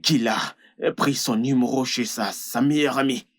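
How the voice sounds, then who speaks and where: A man's voice: mid-range voice, moderate pace, close to an everyday voice. An actor voicing a young husband insisting his wife is cheating, in a dubbed drama. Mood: agitated. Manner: agitated, insistent. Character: jealous, angry young husband.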